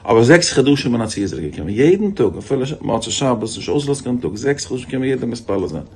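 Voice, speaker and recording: Animated rabbi telling faith stories. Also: male voice, medium pitch, rapid-fire. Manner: animated, many repeated restarts, voice jumps up for quoted lines. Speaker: rabbi giving a talk on faith. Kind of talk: storytelling sermon.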